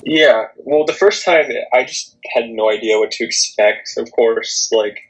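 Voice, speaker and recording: A man's voice: medium pitch, a little slow, husky, poor audio. A young American man chatting casually as an interview guest, youthful, informal and self-deprecating. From Florida, United States. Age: young adult. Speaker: interview guest, singing contestant.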